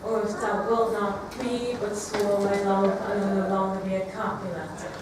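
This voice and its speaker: A woman's voice: medium pitch, fairly even intonation, normal speed, close to an everyday voice. A woman on stage playing a lovestruck young heroine, declaiming romantic Shakespearean verse. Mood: yearning. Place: theatre stage, recorded from afar. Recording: distant echoey hall, clear background noise.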